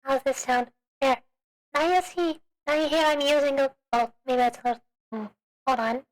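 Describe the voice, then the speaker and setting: A woman's voice: sits high, fairly even intonation, moderate pace. A woman streamer talking casually through a cave voice changer with added reverb, chatty and trailing off as she fiddles with settings. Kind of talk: casual game stream chat.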